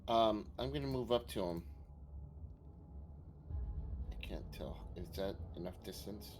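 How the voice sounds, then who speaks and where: A man's voice: on the low side, a little slow, background noise. A man chatting casually as a player in a tabletop game.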